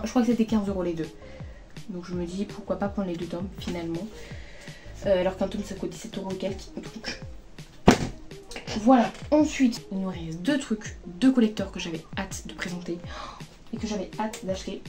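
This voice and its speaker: A woman vlogger rambles casually about her new books, filling gaps with hesitations. Her voice is mellow and warm, with faint music under the phone recording. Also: mid-range voice. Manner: chatty, rambling, many fillers. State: overheated. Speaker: book vlogger. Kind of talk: casual book haul chat.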